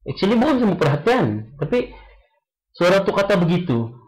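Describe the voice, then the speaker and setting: A man's voice: high-pitched, very animated, darkish tone, low-quality recording. A young man, talking casually and earnestly about a personal experience, stopping often to restart his sentences. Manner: earnest, halting, many restarts, mixes English into Malay. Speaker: guest sharing experience. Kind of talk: casual podcast chat.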